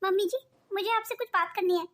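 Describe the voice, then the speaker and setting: A woman's voice: very high voice, fairly even intonation, fast, fairly bright tone, slight background noise. A woman voicing a wronged young wife who pleads with her husband in a cartoon. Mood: pleading. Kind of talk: cartoon voice acting.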